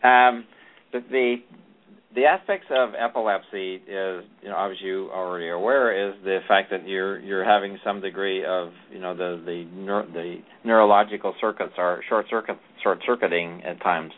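A man's voice: deep voice, steady tone, normal speed. A man who is a physician, giving rambling advice to a caller on a call-in radio show, often restarting his sentences. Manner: rambling, with frequent restarts and fillers. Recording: tinny phone-like radio audio.

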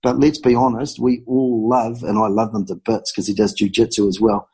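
A man's voice: lowish voice, level tone, normal speed, darkish tone, slightly rough. A man with a broad New Zealand accent chatting casually and informally as a guest in a podcast interview.

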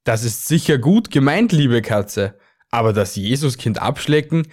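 A man's voice: medium pitch, lively intonation, a little slow, a little mellow. A man voicing a kindly but firm male archangel in a storybook reading. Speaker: podcast co-host.

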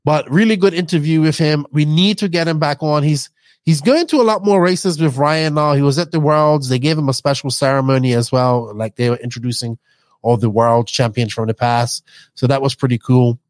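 A man's voice: a little high, a little fast, dry recording. Bermudian-accented man, dry close sound. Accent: Bermudian, toned down. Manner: rambling, self-correcting. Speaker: podcast host. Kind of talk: casual podcast intro, reminiscing.

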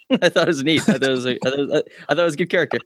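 A man's voice: a little high, racing, no echo, clean studio sound. A man on a podcast panel in casual chat, with loose, hesitant phrasing full of fillers.

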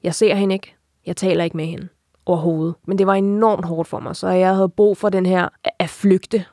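A woman's voice: on the low side, steady tone, mellow, no echo, studio quality. A young adult woman giving a candid, reflective personal account in an interview, with frequent filler tags.

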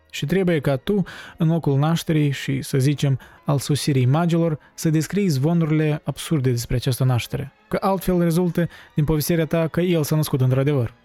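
A self-assured editor holding forth, as a male narrator reads him, diplomatic and explanatory. The voice sits a little higher than the reader's own, with a mellow, dark tone. Dry close sound with soft music behind. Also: no echo, close to an everyday voice. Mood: lecturing. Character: confident lecturing male magazine editor.

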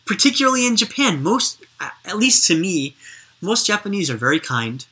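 A woman's voice: mid-range voice, very animated, normal speed, pushed and bright, slightly rough. A woman interviewer chatting casually and encouragingly, explaining things with examples.

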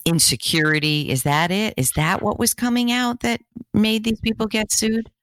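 A middle-aged woman talks through coaching stories in animated bursts, speeding up and slowing down as she goes. Her voice sits at a middle pitch and sounds dry and close to the mic. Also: no room sound. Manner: animated storytelling, quick bursts. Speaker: guest career coach. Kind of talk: casual interview chat.

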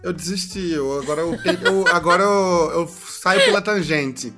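Animated man comedian guest chatting. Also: sits high, normal speed, over music. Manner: animated, jokey, demonstrates intonation. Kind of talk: casual chat.

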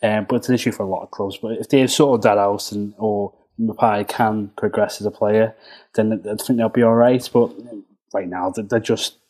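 A man with a Scouse accent, his voice pitched slightly low, chats through football analysis on a podcast. He thinks aloud and often circles back to restart a thought. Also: steady tone, normal speed, a little mellow. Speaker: football pundit. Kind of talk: casual podcast chat.

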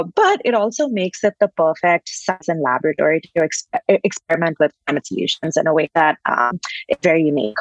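A woman's voice: low voice, dry recording. A woman from India, a startup founder, talking as a podcast guest, enthusiastic and fluent with frequent ums. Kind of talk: podcast interview.

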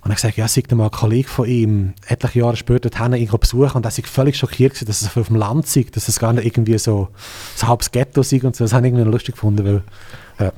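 A man's voice: medium pitch, steady tone, racing, warm tone. A middle-aged man with a Swiss German accent, a slam poet and guest, rambling and joking in casual chat. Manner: rambling, joking, self-mocking.

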